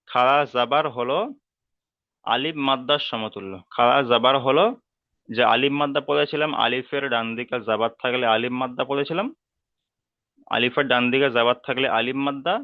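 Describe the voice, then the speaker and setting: A man with a Bengali accent teaching a slow, step-by-step reading lesson, patiently repeating each term and drawing out each sound. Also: medium pitch, dry recording, highs cut off.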